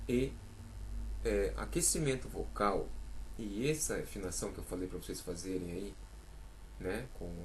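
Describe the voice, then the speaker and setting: A man's voice: on the low side, slight background noise, poor audio. Chatty Brazilian man teaching singing. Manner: chatty and encouraging, sings out sample notes. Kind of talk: casual vocal lesson.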